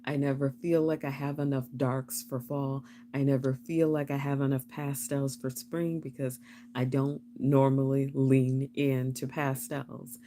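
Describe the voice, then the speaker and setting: A woman's voice: a bass voice, level tone, measured pace, warm tone, slight background noise. A young woman hosting a casual live stream, chatting and rambling with frequent laughs.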